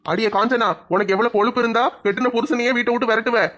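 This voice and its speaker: A man's voice: very high voice, fairly even intonation, quick pace, a bit bright. A man playing a blustering drunk father with a twang. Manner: blustering, mock-pleading, slurred drunk swagger. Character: drunken loafer father, middle-aged, bullying and shameless. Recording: dull lo-fi sound.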